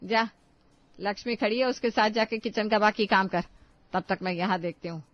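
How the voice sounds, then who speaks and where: A bossy, scolding mother-in-law who nags her daughters-in-law without pause, played by a woman. Her voice sits in a middle register and comes through sharp and impatient. The recording sounds dull and lo-fi. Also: medium pitch, natural voice.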